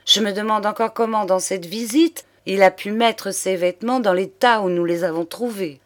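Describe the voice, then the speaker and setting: A woman's voice: medium pitch, steady tone, lightly acted. A woman reading a cold, stern male magistrate. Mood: measured. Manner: cold, measured.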